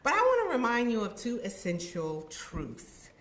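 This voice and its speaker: Woman, university administrator, ceremony address; expressive, animated delivery, echoey room sound. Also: fairly high pitch, moderate pace. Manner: expressive, acts out her own past thoughts. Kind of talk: heartfelt ceremony speech.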